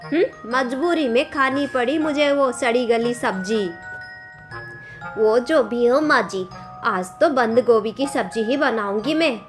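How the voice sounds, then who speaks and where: A woman's voice: fairly high pitch, a little slow, lightly acted. A woman voicing a stubborn, sassy young daughter-in-law in a cartoon story, with a mocking manner. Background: background music.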